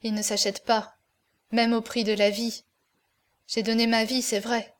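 A woman's voice: a little high, little pitch movement, unhurried, lightly acted. A woman reading the part of a distraught older man in an audiobook, voicing his anguished, pleading questions.

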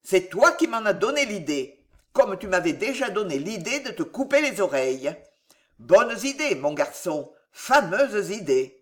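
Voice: mid-range voice, very animated, measured pace. A reader voicing a cruel, sinister old miser uncle who mocks and threatens his nephew. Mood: mocking. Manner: mocking, menacing, laughs darkly.

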